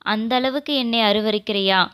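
A woman's voice: fairly high pitch, moderate pace, a bit bright, clean tone, lightly acted. A woman reading the part of a wounded, angry young husband in a romance audio novel, in a bitter, accusing tone.

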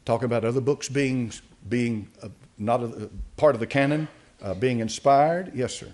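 A man's voice: mid-range voice, moderate pace, darkish tone. An older man preaching a sermon from a church podium, reading aloud and commenting with many fillers and restarts. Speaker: pastor. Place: church sanctuary. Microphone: podium mic.

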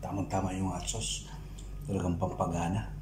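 A man's voice: sits low, level tone, a little fast. A man doing a casual food review vlog, chewing while speaking and murmuring his approval between bites. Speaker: food vlogger. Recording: echoey room with clear ambient noise.

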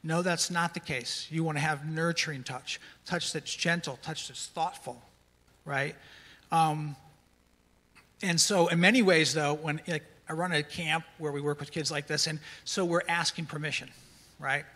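A man's voice: fairly high pitch, fairly even intonation, measured pace, pushed and bright. A middle-aged man, a counselor, gives a conversational church teaching talk and keeps checking in with "right?". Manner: conversational, tags many lines with "right?". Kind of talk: sermon-style teaching talk. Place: large church hall. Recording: long hall reverb.

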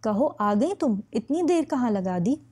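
A woman's voice: a little high, sing-song, unhurried, a little mellow, husky, exaggerated voice. A woman voicing a playful, teasing young woman friend in an audiobook. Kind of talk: audiobook reading.

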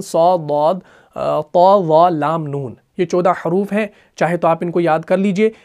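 High-voiced man teaching Quranic recitation. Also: a little mellow. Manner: slow drawn-out recitation of example words, frequent "theek hai na" check-ins. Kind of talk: grammar lesson.

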